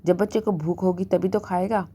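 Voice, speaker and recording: A woman voicing an angry middle-aged husband who shouts and taunts, in a storybook reading. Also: on the low side, fairly even intonation, moderate pace, husky. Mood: taunting. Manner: shouting, sarcastic.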